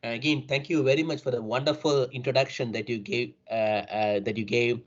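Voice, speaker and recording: A man's voice: medium pitch, steady tone, a little fast. A middle-aged man with a South Indian accent gives an online academic presentation, often adding tags like "right?" to his sentences. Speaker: university faculty member presenting. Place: remote online call. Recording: dull, band-limited online call audio.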